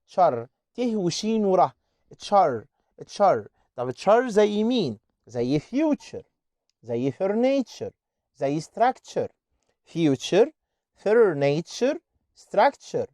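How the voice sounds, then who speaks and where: A man with an Egyptian Arabic accent teaching an online English lesson, repeating words slowly to drill their pronunciation. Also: high-pitched, darkish tone, no room sound.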